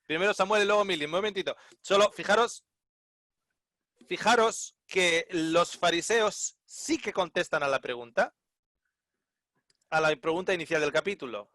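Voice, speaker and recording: A man with a Spain Spanish accent teaching a group Bible seminar, lively, repeating his words and calling on participants by name. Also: high voice, normal speed, long pauses, no room sound, studio quality.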